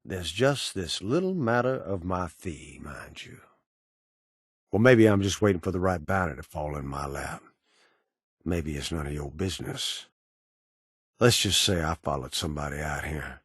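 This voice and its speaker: An actor playing a cynical, menacing ghoul bounty broker in a video game, with an American Southern accent and a sardonic drawl full of cowboy slang. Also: male voice, low-pitched, expressive, moderate pace, breathy edge, no echo, studio quality. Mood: dry, taunting. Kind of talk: video game character dialogue.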